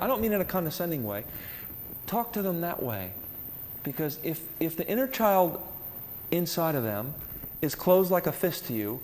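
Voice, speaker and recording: A man's voice: high-pitched, a little mellow, big-room sound, a little hiss or hum. A man giving a spiritual lecture to a live audience, earnest and conversational, often putting questions to his listeners.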